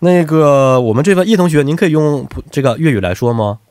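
Very animated male quiz show host. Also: a little high, fast, dry recording, clean studio sound. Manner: talkative, teasing, many tag questions. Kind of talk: chatty quiz show hosting.

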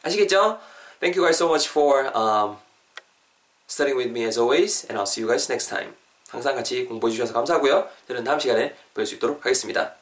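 A young adult man, hosting a podcast English lesson and drilling phrases over and over in a lively way. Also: medium pitch, normal speed. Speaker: English teacher and podcast host. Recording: roomy room, distant from mic.

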